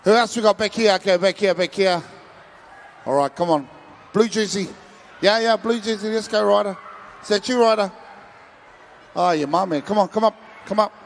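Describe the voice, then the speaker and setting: High-voiced Māori New Zealand man hyping crowds. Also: moderate pace, vocal fry, pauses often, big-room sound, slight background noise. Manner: informal, playful, calls out to audience, mixes in Māori words. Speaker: festival stage host. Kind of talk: crowd-hyping live event hosting.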